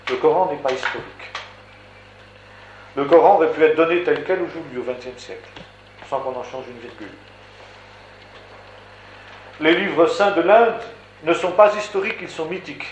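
A man's voice: fairly high pitch, a little fast. Emphatic French-speaking male preacher, echoey room. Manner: emphatic, rhetorical, builds with repeated phrases. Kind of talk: sermon teaching. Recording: echoey room with faint background noise.

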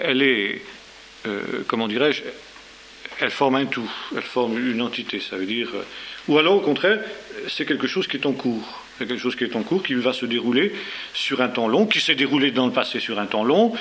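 A man's voice: medium pitch, a bit bright. A man giving an informal spoken lecture, hesitant, with many fillers, repeated words and tag questions. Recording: faint hiss.

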